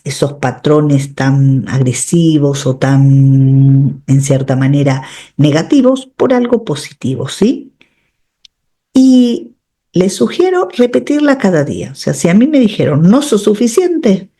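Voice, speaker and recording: A woman's voice: sits low, dark tone. A middle-aged woman, a radio host and coach giving reflective step-by-step advice, often checking in with tag questions. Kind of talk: advice talk on personal growth.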